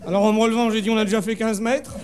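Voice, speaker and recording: A man telling a comic story on stage in a deadpan way, breaking into sudden high shouted punchlines. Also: racing. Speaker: stand-up comedian. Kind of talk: comic monologue before a live audience. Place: theatre stage with a laughing audience. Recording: live show recording with crowd laughter and noise.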